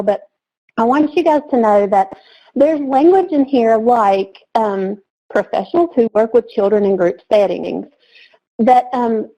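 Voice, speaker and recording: A woman presenting a training webinar in an energetic, chatty way, laughing easily. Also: on the high side, highs cut off.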